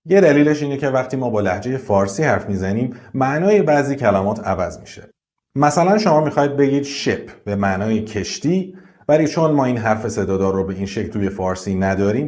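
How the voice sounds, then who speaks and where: A man hosting an English lesson, explaining pronunciation clearly and methodically. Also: fairly low pitch, a little mellow. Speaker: English teacher and video host.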